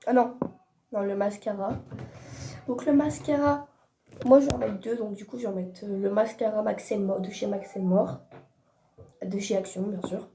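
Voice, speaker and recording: A woman's voice: medium pitch, fairly even intonation, normal speed, long pauses, warm tone, slight background noise. Chatty teenage girl in an echoey room. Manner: chatty, hesitant, many fillers and self-corrections. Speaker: beauty vlogger. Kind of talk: casual makeup tutorial.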